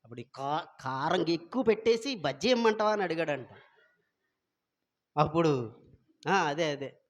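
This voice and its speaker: A man preaching a Sunday sermon as pastor, quizzing the congregation and swinging between loud exclamations and soft asides. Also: fairly high pitch, lively intonation, normal speed, highs cut off.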